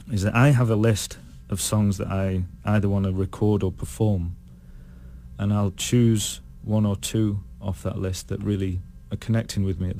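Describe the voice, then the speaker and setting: British guy, low gravelly voice, keeps restarting, kinda thoughtful. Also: mellow, slight background noise. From United Kingdom. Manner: thoughtful, halting with many restarts. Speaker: guest singer. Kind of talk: casual interview chat.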